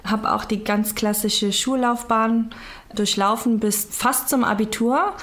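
A woman's voice: on the high side, steady tone, measured pace, fairly bright tone. A woman in her thirties from Germany, speaking candidly and reflectively as an interview guest. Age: 30s. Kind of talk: conversational interview.

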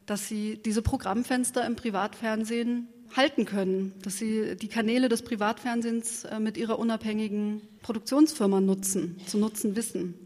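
A woman moderates an interview, live, putting long, articulate, considered questions she has prepared, with some hesitation. Her voice is fairly high, a little mellow, and steady in tone, at normal speed with hardly any pauses, and the recording carries a long hall reverb.

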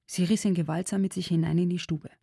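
A woman narrating a story in a steady, measured audiobook reading. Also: on the low side, gravelly, slightly rough, no echo, clean studio sound.

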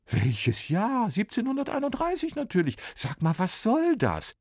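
A man's voice: high-pitched, huge pitch swings, unhurried, a little mellow, no echo, clean studio sound, voice pushed up, exaggerated voice. A man voicing a grumbling, overworked male music copyist who scolds his clumsy helper. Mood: scolding. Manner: scolding, exasperated.

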